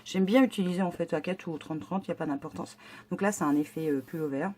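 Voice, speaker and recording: Talking fast in a lowish, dark-toned voice, a scrapbooking vlogger casually unboxes her monthly box. She's enthusiastic about what's inside, yet hesitant, peppering her speech with fillers and restarts.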